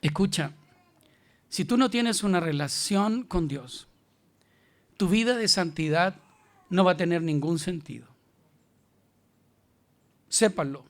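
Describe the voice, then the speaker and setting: A man's voice: sits high, expressive, slow pace, long pauses. A male pastor with a Chilean accent, preaching an emphatic, colloquial sermon. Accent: Chilean Spanish.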